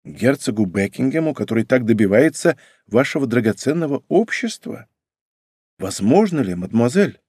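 Man playing a reserved young nobleman, quiet, earnest, low-key, dry close sound. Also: sing-song, normal speed, husky, no echo. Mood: subdued.

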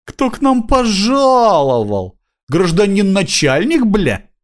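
A man voicing a crude, raspy male street bum who swears and drawls. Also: sits high, huge pitch swings, slow pace, voice pushed up, heavily acted. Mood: wheedling. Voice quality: raspy, hoarse.

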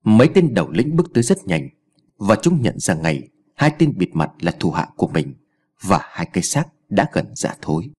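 A male audiobook narrator telling a story with expressive delivery. His voice sits low and sounds husky, and his pitch moves widely as he reads. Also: moderate pace.

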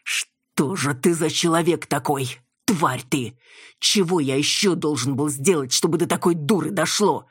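A woman reader playing a brutal, shifty man posing as a doctor, gruff and snapping. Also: very deep voice, expressive, no room sound, studio quality, heavily acted. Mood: menacing. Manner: gruff and snapping, then a slow menacing tirade.

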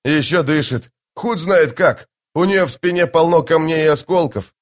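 A blunt, flustered soldier sergeant in a fantasy audiobook, loud and lively in pitch, as a man reads him. He talks in quick, rough bursts. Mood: urgent. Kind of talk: audiobook character voice.

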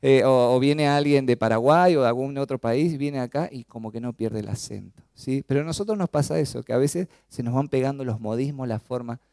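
A man from Chaco with an Argentine accent preaching a sermon, swinging between emphatic raised peaks and low, quiet lines. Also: a little fast, vocal fry, few pauses, no room sound, clean studio sound. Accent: Argentine Spanish. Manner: animated preaching, rising to emphatic peaks then dropping low.

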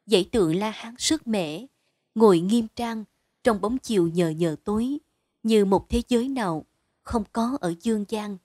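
A woman reading a short story aloud as an audiobook narrator, in a steady, measured storytelling manner. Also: medium pitch, no echo, studio quality.

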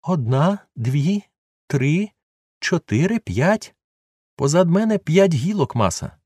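Fearful old manservant, thin high voice, dry close mic. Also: male voice, very animated, slow pace, darkish tone, husky, no echo, exaggerated voice. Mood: plaintive. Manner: plaintive, pleading, high squeaky voice. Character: fearful old male servant climbing a tree.

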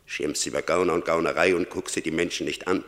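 An actor playing Death in a German radio play, a stern, merciless grim reaper scolding and commanding. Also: male voice, steady tone, fast talker, fairly bright tone. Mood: stern, accusing. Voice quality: gravelly, very deep. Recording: long cavernous reverb.

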